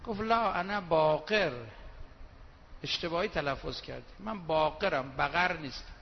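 A man preaching a sermon from the pulpit, reciting verse slowly and then talking fast and colloquially, moving between soft asides and loud emphatic bursts. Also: fairly high pitch, creaky, slight background noise. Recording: dull reverberant hall recording.

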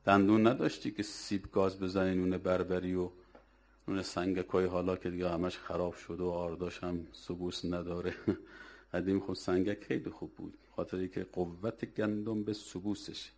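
A man's voice: low voice, level tone, a little mellow. A man preaching a religious sermon, exhorting and scolding his listeners with rhetorical questions.

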